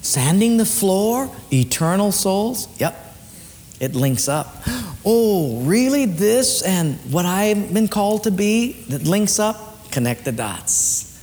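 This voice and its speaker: A man's voice: big pitch swings, slow pace. Preaching man in a big echoing hall. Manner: dynamic preaching, swings from loud high lines to low quiet ones. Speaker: pastor. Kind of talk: sermon. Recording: long hall reverb, faint room noise.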